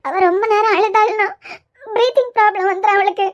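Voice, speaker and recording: A woman voicing a tearful, frightened young mother in a cartoon series, with a Kanyakumari Tamil accent and a squeaky, pleading voice. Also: fairly even intonation, brisk, highs cut off. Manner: pleading, anxious. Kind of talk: cartoon web series voice acting.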